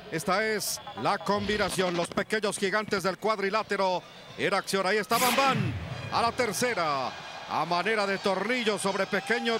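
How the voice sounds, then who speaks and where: A man with a Mexican accent presenting wrestling highlights as a commentator, describing each move. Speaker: lucha libre commentator. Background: loud music.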